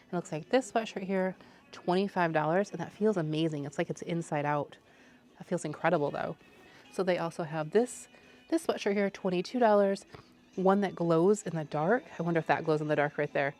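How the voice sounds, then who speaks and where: A woman's voice: on the low side, fairly quick, a little mellow. A woman travel vlogger giving casual running commentary to her viewers as she looks around.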